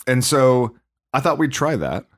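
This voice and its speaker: A man with a Californian accent hosting a church podcast as a pastor, talking in a rambling, halting way full of fillers and restarts. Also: mid-range voice, very animated. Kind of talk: casual chat.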